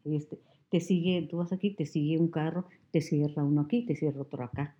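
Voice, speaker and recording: Animated Mexican woman, low voice. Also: fairly quick, lo-fi sound. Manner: animated storyteller who acts out quoted dialogue. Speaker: guest. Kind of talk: casual conversation.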